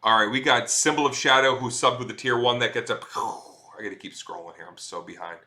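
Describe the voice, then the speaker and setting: A man's voice: medium pitch, fairly quick, pushed and bright. A middle-aged man chatting casually on a live stream, reading viewer messages aloud and swearing freely.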